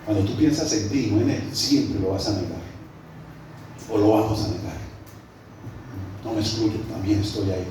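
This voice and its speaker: A man with a Colombian Spanish accent, a pastor, preaches and tells a story conversationally to his congregation in a church hall. His mellow voice is on the low side, at normal speed with frequent pauses. Sound is echoey and roomy, from a distant mic, with faint background noise.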